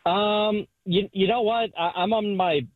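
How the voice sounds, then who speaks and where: A man's voice: high voice, fairly even intonation, measured pace, no room sound. A confused, hesitant man who stammers as he talks to a prank caller over the phone from his office. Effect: heard over a phone line. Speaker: target of a prank call. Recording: tinny phone line.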